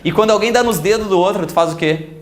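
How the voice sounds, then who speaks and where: A high-pitched man with a Gaúcho accent gives an animated classroom grammar lesson. He keeps asking his students questions and acts out other people's voices. The sound is echoey, as if recorded in a reflective room. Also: fast, crowd noise. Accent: Gaúcho Portuguese. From Rio Grande do Sul, Brazil. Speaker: Portuguese grammar teacher. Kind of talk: lively classroom lecture with anecdotes.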